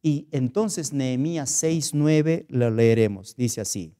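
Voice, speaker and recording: A male pastor with a Peruvian Spanish accent delivers a sermon at an unhurried pace. His tone is mellow and dark, and he asks earnest rhetorical questions and tells stories along the way. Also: mid-range voice, expressive, smooth.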